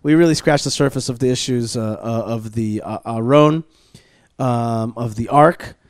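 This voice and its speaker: A man's voice: mid-range voice, normal speed, dry recording. Rambling male radio host, dry sound. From Israel. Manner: rambling, many restarts and fillers. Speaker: podcast host. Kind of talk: casual radio show chat with plugs. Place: studio at a learning center.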